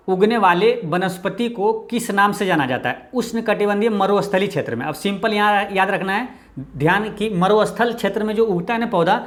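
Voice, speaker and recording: Bihari man explaining exam answers. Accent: Bihari Hindi. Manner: repeats "ye dhyan rakhna hai" with a low, quiet drop. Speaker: exam-prep teacher.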